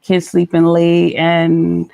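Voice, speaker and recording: Female co-host, very low and gravelly voice, relaxed storyteller. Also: slow pace, no echo. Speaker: podcast co-host. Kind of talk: casual chat on a live show. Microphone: studio microphone.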